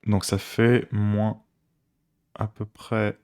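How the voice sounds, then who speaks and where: A man's voice: lowish voice, flat delivery, drawn-out words, darkish tone, clear, resonant tone. A man, streaming a coding session and chatting casually, thinking aloud with many fillers and restarts. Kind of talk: casual live coding chat.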